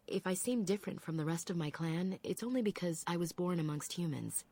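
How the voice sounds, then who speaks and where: Game elf apprentice, female, proud and measured; low, husky, gravelly, faint music under. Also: animated, dark tone. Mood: solemn. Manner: measured, solemn, reflective.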